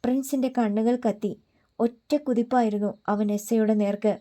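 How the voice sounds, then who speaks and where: A woman's voice: on the high side, fairly even intonation, moderate pace, mellow. A woman reading a dramatic story aloud as an audiobook narrator, voicing the characters' lines in her own voice.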